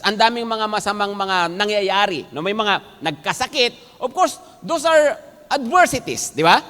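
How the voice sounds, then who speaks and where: A man preaching in a high, sharp voice. He keeps turning to the congregation with quick questions. His words ring out with the long reverb of a large church hall. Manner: addresses the congregation and often checks in with "no?" and "amen po?". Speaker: pastor. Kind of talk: sermon. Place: church sanctuary.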